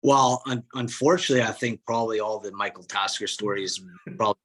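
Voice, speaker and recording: A man, a former hockey player and coach, chatting casually on a podcast and telling stories with relaxed restarts. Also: fairly low pitch, fast. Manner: relaxed storytelling with frequent restarts.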